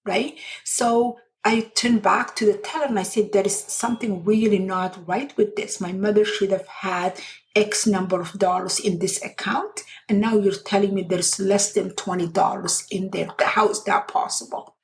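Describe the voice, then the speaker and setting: A middle-aged woman from Somalia, hosting a personal storytelling podcast in an earnest, unhurried way with pauses and restarts. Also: mid-range voice, steady tone, poor audio. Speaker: podcast host.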